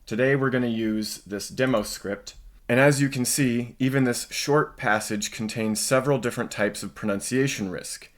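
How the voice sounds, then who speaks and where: A man giving a scripted narration of a software demo as its presenter. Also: medium pitch.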